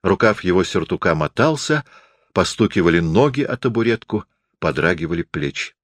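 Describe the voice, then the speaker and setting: A man narrating a story in an expressive, story-telling reading style. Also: deep voice, normal speed, no room sound, studio quality.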